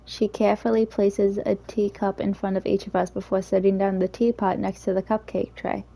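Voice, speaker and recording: A woman reading a visual novel's narration aloud in a steady, even way. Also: medium pitch, moderate pace, vocal fry, poor audio. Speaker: game reader.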